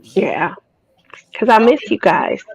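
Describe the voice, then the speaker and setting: A woman's voice: mid-range voice, lively intonation, slow pace, vocal fry, crowd noise, rough recording. A woman chatting casually as a guest, rambling with lots of fillers. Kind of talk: casual chat.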